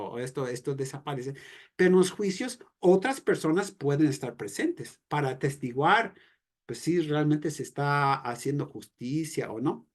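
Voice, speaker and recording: A man with a Mexican accent leading an informal church reflection. He talks conversationally, asks rhetorical questions and tags sentences with "¿no?". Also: on the high side. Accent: Mexican Spanish. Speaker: Bible study leader.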